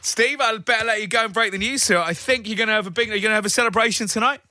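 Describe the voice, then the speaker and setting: A man hosting a radio phone-in competition in an upbeat presenting style, drawing out pauses for suspense, close on a studio mic. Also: high voice, bright, forceful tone, dry recording. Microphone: close, dry studio microphone.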